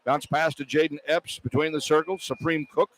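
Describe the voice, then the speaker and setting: A man with a fairly high, steady voice calls live basketball play-by-play on the radio at normal speed, describing the action in clipped running phrases. Loud ambience fills the large indoor arena, making the broadcast noisy.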